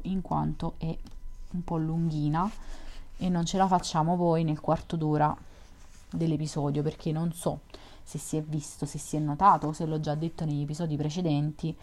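A woman hosting a podcast, reading a story aloud and then chatting casually, calm and measured with some hesitant restarts. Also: deep voice. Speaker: podcast host and reader.

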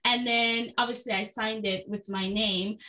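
Animated woman telling a story. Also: medium pitch, unhurried. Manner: animated storytelling, swears freely. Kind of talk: casual chat.

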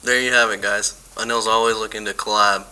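A man hosting a podcast, laid-back, joking and slangy as he asks quick questions. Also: on the low side, level tone, sharp tone, clean tone, low-quality recording. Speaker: podcast host. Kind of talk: casual podcast interview.

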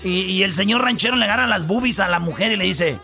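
Mexican guy telling jokes on the radio, bright high voice, bouncy, music under. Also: quick pace, vocal fry. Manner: loud, playful, laughing storyteller. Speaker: radio comedy host.

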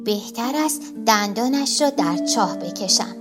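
A woman's voice: high voice, big pitch swings, over music, voice pushed up. A woman voicing a nervous rabbit pretending to be a wise healer, pleading and flustered in a storybook. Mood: fretting. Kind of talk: storybook character voice.

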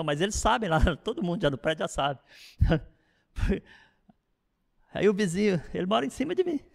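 A middle-aged male pastor delivers a sermon in a lively, chatty manner, often turning to the crowd with quick asides. His voice sits a little high for a man and swings widely in pitch. The sound carries a long reverb from a large hall. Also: gravelly. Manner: animated, conversational preaching with frequent asides.

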